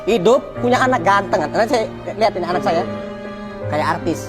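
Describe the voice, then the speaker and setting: A man, an interview guest, telling a personal story in a vivid, repetitive way that swings from loud to hushed. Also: high-pitched, lively intonation, a little fast, music in the background.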